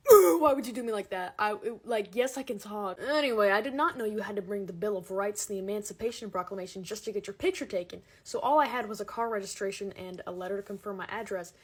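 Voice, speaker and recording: A young American woman telling personal stories as a casual comedic rant, exaggerated and animated, acting out what people said. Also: medium pitch, quick pace, few pauses, slightly rough. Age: teens to young adult. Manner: animated, exaggerated, acts out quotes. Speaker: social media creator telling personal rants.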